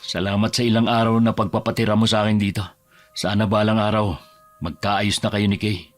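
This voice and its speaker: A man's voice: on the low side, level tone, brisk, natural voice. An actor playing a bus driver and husband who has turned curt and defensive, snapping and raising his voice. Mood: gentle. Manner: curt, bristling, flares into shouting. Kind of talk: audio drama acting. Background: music.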